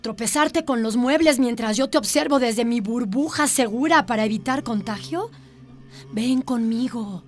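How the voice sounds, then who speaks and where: Actress as a doctor's loyal wife in an audio drama, highish female voice, won't back down. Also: normal speed, faint music behind, natural voice. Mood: firm, caring. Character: devoted, resolute wife of a blind doctor.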